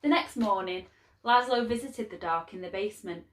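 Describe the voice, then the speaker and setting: A woman reading a story aloud to young children in a measured, expressive way with clear phrasing. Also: medium pitch, reverberant.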